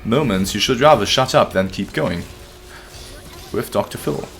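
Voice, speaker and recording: A man's voice: on the low side, expressive, moderate pace, gravelly, fairly bright tone, faint music behind. A man casually commenting on his gameplay during a live stream, joking and chatting with his viewers. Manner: joking, chatty, reads chat aloud. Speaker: game streamer.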